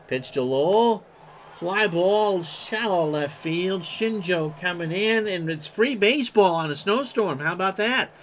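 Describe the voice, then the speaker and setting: A man's voice: high voice, lively intonation, measured pace, a little hiss or hum. A man doing play-by-play commentary of a replayed baseball game, reeling off stats in clipped lists and erupting on big plays. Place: home streaming setup.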